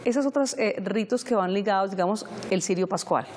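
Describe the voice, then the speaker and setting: A woman's voice: medium pitch, brisk, darkish tone, slight background noise. A Colombian woman hosting a conversational television interview. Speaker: TV host interviewer.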